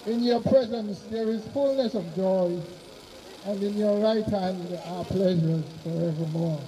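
A man officiating as clergyman, reading solemn burial prayers and scripture outdoors in measured, formal phrases. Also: high-pitched, dark tone. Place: outdoor cemetery on open grassy ground. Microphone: far camera behind the speaker. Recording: distant mic outdoors, faint noise.

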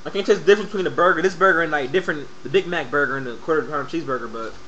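A young man reviewing fast food in a casual vlog, talking bluntly and with profanity while his mouth is full. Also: a little high, pushed and bright, highs cut off, a little hiss or hum.

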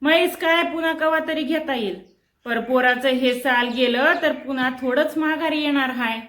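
Woman voicing a gruff rural father, hawking loudly. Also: sits high, normal speed, echoey room. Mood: heavy, brooding. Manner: loud market hawking and scolding. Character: gruff rural father, vegetable seller, short-tempered.

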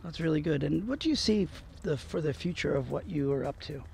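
A man's voice: a little high, animated, a little fast, vocal fry, a little mellow, slight background noise. A middle-aged man interviewing a guest outdoors on a farm lawn, speaking into a handheld mic in an upbeat, encouraging way. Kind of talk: on-site interview. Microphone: handheld microphone.

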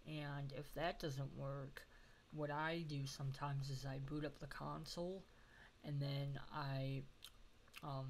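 Nasal man with flat pitch, noisy recording. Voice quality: nasal, congested as after nose surgery. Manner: hesitant, informal explaining. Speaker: tutorial host. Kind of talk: casual screen-recorded tech tutorial. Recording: noisy home screen recording.

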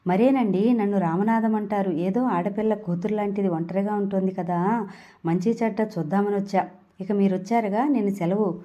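A woman's voice: medium pitch, fairly even intonation, moderate pace, dark tone, highs cut off, close to an everyday voice. A woman reading the part of a nosy, overfamiliar middle-aged landlord who pries with fake politeness, in an audio novel. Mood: fake-polite. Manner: prying and overfamiliar.

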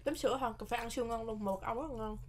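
A woman's voice: a little high, steady tone, racing. A young woman with a Southern Vietnamese accent, casually chatting as co-host of a snack tasting, jokey and given to repeating phrases. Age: young adult. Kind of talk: casual mukbang chat. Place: small indoor set with curtained backdrop. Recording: background noise with clicks.

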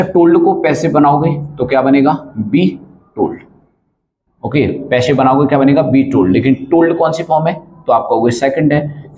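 A man's voice: mid-range voice, dark tone, lo-fi sound, slight background noise. A man teaching an English grammar lesson, explaining step by step and often asking checking questions.

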